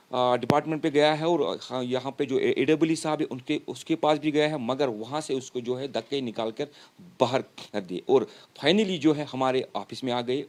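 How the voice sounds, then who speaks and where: A male local news reporter, presenting a field story with frequent fillers and formal address. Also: medium pitch. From Kashmir.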